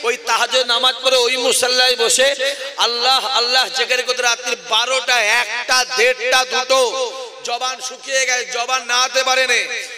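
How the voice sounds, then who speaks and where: Fiery high-pitched Bengali preacher, echoing hall. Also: male voice, flat delivery, moderate pace. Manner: shouting to the crowd, calls for responses. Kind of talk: fiery sermon. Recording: long hall reverb.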